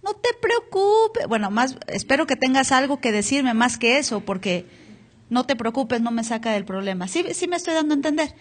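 A woman's voice: fairly high pitch, animated, fairly quick. A woman pastor preaching a live church sermon, asking the congregation to read along and repeat words aloud. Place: church hall, captured live.

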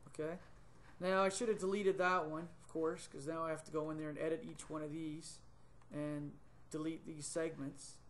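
A middle-aged software tutor with a fairly high, fairly bright voice and little pitch movement narrates a screen-recorded 3D modeling tutorial, thinking aloud with ums and quick self-corrections. He's captured on a desktop computer mic in a small indoor room, his webcam visible in a corner of the screen.

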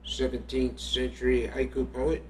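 Slow, musing Southern man. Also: medium pitch, flat delivery, a little mellow, slight background noise. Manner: slow, musing, reciting lines deliberately. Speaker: narrator. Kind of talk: casual spoken reflection on a haiku.

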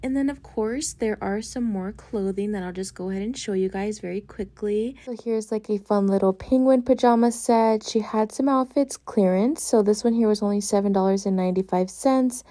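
A woman's voice: medium pitch, normal speed, hardly any pauses, warm tone. Chatty young woman doll-collector vlogger. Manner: chatty, enthusiastic, casual slang. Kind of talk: shop-with-me voice-over narration.

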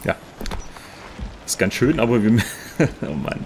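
A man's voice: medium pitch, sing-song, unhurried, slight background noise. Chatty grumbling man commenting on gameplay. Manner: grumbling, chatty, talks to himself and viewers. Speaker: let's play gamer. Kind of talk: casual gaming commentary.

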